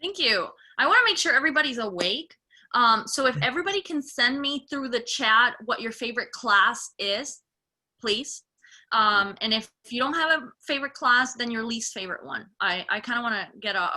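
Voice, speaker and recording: Bright-voiced woman from Colombia. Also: a little high, fairly quick. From Colombia, raised in Puerto Rico. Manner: lively and engaging, addressing the audience. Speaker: panelist. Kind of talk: webinar panel talk.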